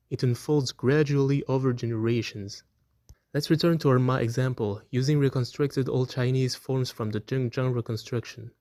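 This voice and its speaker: A man presenting an educational video, reading a scripted explanation in a clear, explanatory way and slowing down to demonstrate example words. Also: medium pitch, a little mellow, dry recording, clean studio sound. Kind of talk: scripted narration.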